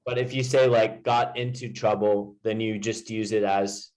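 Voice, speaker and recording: A man's voice: lowish voice, fairly even intonation, normal speed, a little mellow, poor audio. A man tutoring English one to one, explaining informally with everyday examples. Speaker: English teacher.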